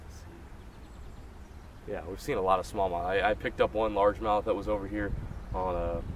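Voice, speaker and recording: A man's voice: fairly low pitch, normal speed. A young man hosting a casual fishing vlog, talking in a rambling, self-correcting way from a boat and then a car. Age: young adult. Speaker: vlog host. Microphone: action camera at arm's length. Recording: distant camera mic with loud wind and road noise.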